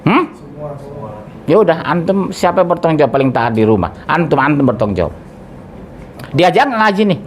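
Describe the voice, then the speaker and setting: A middle-aged man giving a conversational religious lesson, questioning his listeners directly and teaching with animated emphasis. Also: a little high, brisk, pauses often, a little hiss or hum. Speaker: preacher.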